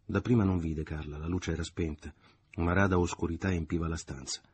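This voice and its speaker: A man narrating a literary novel in steady audiobook reading. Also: sits low, brisk, slight background noise.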